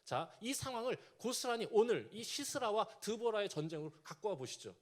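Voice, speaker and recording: A man's voice: high voice, sing-song, a little fast. A male pastor preaching a sermon, telling the story vividly and acting out the characters' lines.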